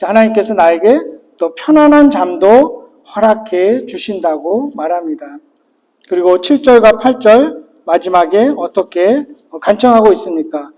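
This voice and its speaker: A man's voice: high-pitched, lively intonation, a little slow, darkish tone, big-room sound, poor audio. A man preaching a sermon as pastor, speaking earnestly and asking the congregation questions as he explains. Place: church.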